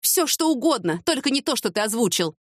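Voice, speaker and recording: A woman's voice: fairly high pitch, expressive, fast talker, no echo, studio quality, pitched above the performer's own voice, close to an everyday voice. A woman reading an audiobook, voicing a fiery, impulsive young woman with heated, emphatic retorts. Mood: insistent.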